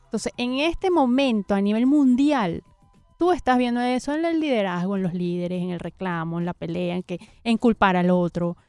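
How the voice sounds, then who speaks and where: Woman guest expert, earnest explainer, gravelly voice, dry recording. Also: mid-range voice, normal speed, darkish tone, no echo, faint music behind. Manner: earnest, explanatory, list-like phrasing. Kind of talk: interview explanation.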